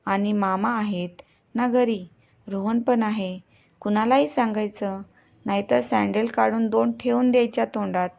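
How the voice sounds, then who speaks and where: A woman's voice: mid-range voice, steady tone, a little slow, gravelly, darkish tone. A woman voicing a young woman in a storybook reading, anxious and confiding in a friend. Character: young woman, frightened and uneasy.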